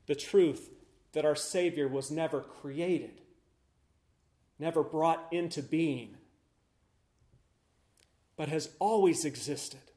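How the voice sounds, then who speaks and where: A man delivers a sermon in a measured, unhurried cadence, leaning solemnly on each phrase. His voice sits a little high for a man, and it rings in a roomy, echoing space. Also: darkish tone. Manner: slow, solemn and emphatic, with long pauses between phrases. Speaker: preacher. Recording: roomy echo.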